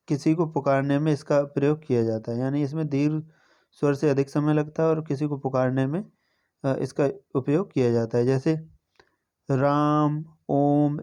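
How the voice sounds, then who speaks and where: A male teacher giving an exam-prep grammar lesson, explaining step by step, spelling out sounds slowly and often checking in with "okay". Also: a little high, dark tone. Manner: explanatory, repeats "ठीक है" as a check-in.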